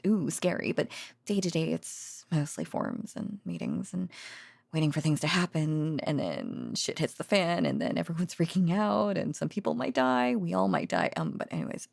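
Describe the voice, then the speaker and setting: In an intimate ASMR-style roleplay, a voice actor performs a breathy, low-voiced girlfriend, an affectionate, excitable researcher who rambles while lulling her boyfriend to sleep. She speaks softly, often close to a whisper, hesitant and chatty with sighs and giggles. The close microphone picks up no room sound, and she stays fully in character voice.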